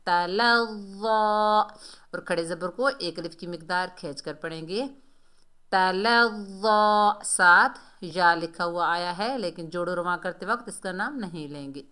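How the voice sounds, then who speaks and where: A woman teaching Quran recitation, explaining the rules letter by letter in a slow step-by-step lesson and chanting the verses slowly. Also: fairly low pitch, pushed and bright.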